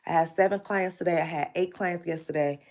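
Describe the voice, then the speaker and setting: With a lowish, slightly mellow voice and fairly even intonation, a woman talks a little fast as she hosts a casual tarot livestream. She speaks chattily and directly to viewers, sounding stuffy and nasal from sinus problems.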